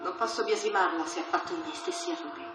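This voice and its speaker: A woman's voice: mid-range voice, big pitch swings, fast talker, close to an everyday voice. An actress playing a wounded, bitter woman in a dubbed TV drama. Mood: bitter, hurt. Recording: roomy TV soundtrack, loud music over it.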